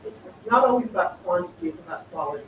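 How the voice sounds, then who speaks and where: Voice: medium pitch, animated, fast. A participant in a talk show chat, speaking in a plain, matter-of-fact way. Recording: echoey, distant, noisy.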